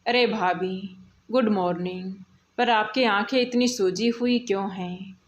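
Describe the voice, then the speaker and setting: A woman voicing a kind, protective young man who asks worried questions, in a slow storybook telling. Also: mid-range voice, natural voice. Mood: caring. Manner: concerned, questioning.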